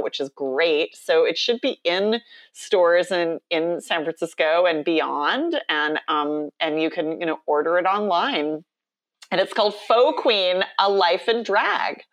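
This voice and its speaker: A woman's voice: on the low side, unhurried. A woman, an author and drag performer, telling stories as a guest in a casual podcast interview, laughing often. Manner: animated storyteller, laughs often.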